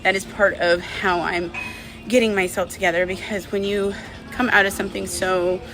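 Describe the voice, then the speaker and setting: Speaking with vocal fry at a medium pitch, a woman vlogs about her breakup. Her delivery is confessional and rambling, studded with "like" and "you know."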